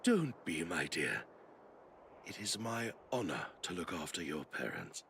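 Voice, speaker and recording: A man's voice: sits low, wildly swooping pitch, a little slow, vocal fry, a bit bright, slight background noise, exaggerated voice. A man playing a courteous, devoted older family caretaker in a drama, speaking in a formal, kindly way. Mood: humble, kindly. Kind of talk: dramatic voice acting.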